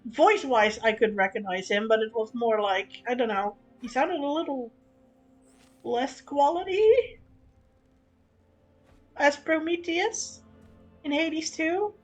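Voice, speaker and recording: A woman with a somewhat high voice chats on a live stream, frank and loose with her words. She swears easily, trips over her own starts and keeps going. Quiet game music plays faintly behind her. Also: takes it slowly, long pauses, low-quality recording. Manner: chatty, frank, swears, many restarts. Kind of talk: casual live-stream chat while gaming.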